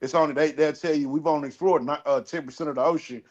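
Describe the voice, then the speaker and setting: A man's voice: a little high, steady tone, fast talker. A man in casual podcast chat who stammers and repeats words while he argues. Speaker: podcast host. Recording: dull lo-fi sound.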